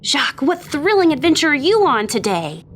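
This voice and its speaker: A woman's voice: sits high, big pitch swings, moderate pace, fairly bright tone, a little hiss or hum. A woman voicing an eager young boy from a kids' explorer club who asks wide-eyed questions. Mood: excited.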